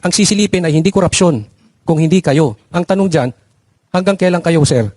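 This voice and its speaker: A man who runs a vlog, questioning a panel in a measured, pressing way. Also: on the high side, expressive, darkish tone, dry recording. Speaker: vlogger.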